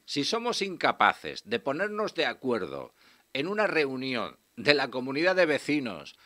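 A radio host in his sixties, speaking at medium pitch and a moderate pace, delivers a sardonic comic monologue and banters with a guest in a small studio. He's animated and swears freely, recorded on a studio mic while wearing headphones.

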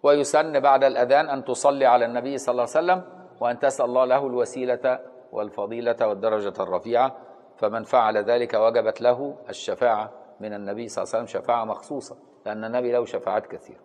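A man's voice: medium pitch, fairly even intonation, very fast, darkish tone, big-room sound. A man with an Egyptian Arabic accent teaching Islamic law. He reads from a classical text, then explains it in everyday speech and often asks his listeners whether they follow.

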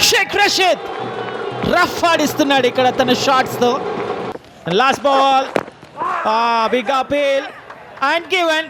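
Very high-pitched man, excited cricket commentary. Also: a little slow, long pauses, crowd noise. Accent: South Indian, Telugu. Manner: admiring, exclamatory calls. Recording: outdoor ground noise behind commentary.

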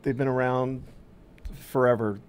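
A man's voice: medium pitch, steady tone, a little slow. Hesitant male writer, faint hiss. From Southern California. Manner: hesitant, thoughtful, with fillers. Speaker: guest writer. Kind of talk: casual interview.

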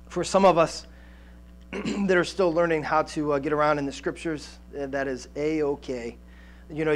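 A man in his thirties preaching a sermon on a church stage through a headset mic, animated, with frequent restarts and fillers. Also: a little high. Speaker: pastor. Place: church stage with band gear, indoors.

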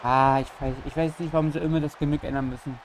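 A woman doing excitable gameplay commentary as a YouTuber, cheering on her wrestler and swearing bluntly. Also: deep voice, quick pace, low-quality recording. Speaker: gaming YouTuber.

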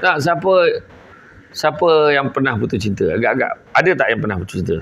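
Male Malaysian preacher, comic live sermon, teases the crowd, medium pitch, faint hiss behind. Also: very animated, brisk. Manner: joking and teasing with the crowd, switching between I and aku. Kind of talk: comedic religious talk to a live audience.

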